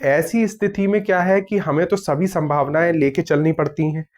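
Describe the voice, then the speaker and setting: A man's voice: a little high, fairly even intonation, moderate pace, darkish tone. Man answering viewer comments on exam news. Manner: reads comments aloud and answers firmly, with many "theek hai". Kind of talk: casual chat reading viewer comments.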